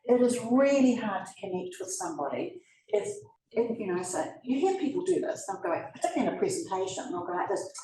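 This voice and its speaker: Her warm, medium-pitched voice moves quickly with lively intonation as she gives a conversational talk in an event room, addressing the live audience with asides. The presenter has a New Zealand accent, and the distant, roomy recording carries a faint hiss or hum.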